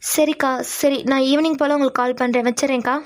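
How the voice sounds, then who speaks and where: Woman doing a polite, hesitant young girl, high and quick. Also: steady tone, no echo, close to an everyday voice.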